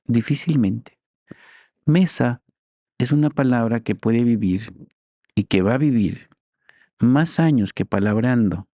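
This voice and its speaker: A man speaks as an interviewed teacher, unhurried and deliberate, dwelling on each syllable as he explains. His voice is warm and dark, recorded close and dry. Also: mid-range voice, vocal fry, no room sound. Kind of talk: interview, explaining language history.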